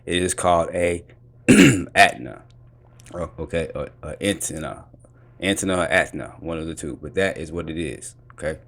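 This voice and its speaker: A man's voice: low voice, moderate pace, gravelly, fairly bright tone. A man in casual commentary, explaining and correcting points step by step and repeating himself as he goes. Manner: explains points over and over, repeats "you know what I'm saying". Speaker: commentator reacting to a teaching clip.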